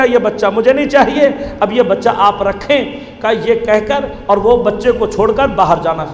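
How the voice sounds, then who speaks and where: A male preacher giving a religious sermon, telling a story and building to impassioned, wailing appeals. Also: extremely high pitch. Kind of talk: Shia majlis sermon. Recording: echoey hall recording, faint background noise.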